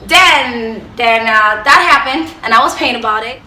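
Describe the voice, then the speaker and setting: A young woman with a Nigerian accent telling stories to camera, animated, jumping from loud bursts to hushed asides. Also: fairly high pitch, unhurried, reverberant. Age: young adult. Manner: animated storyteller who swings from loud outbursts to hushed asides. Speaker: vlogger. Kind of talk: storytelling to camera.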